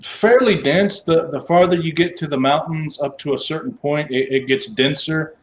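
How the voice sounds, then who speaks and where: A man's voice: fairly high pitch, normal speed, a little hiss or hum. A man narrating casually as game master of a tabletop role-playing game.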